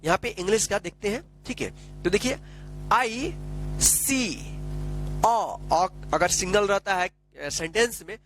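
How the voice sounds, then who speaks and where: Slow, patient man teaching phonics. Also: high-pitched, noisy background. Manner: slow, spelling words out letter by letter; asks and answers his own questions. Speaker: English teacher. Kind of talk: phonics lesson.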